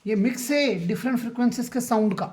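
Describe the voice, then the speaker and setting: A man's voice: very high-pitched, fast, a little mellow. A man teaching a school science lesson in a classroom. He counts aloud, quizzes his students and keeps checking that they understand. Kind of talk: classroom lecture.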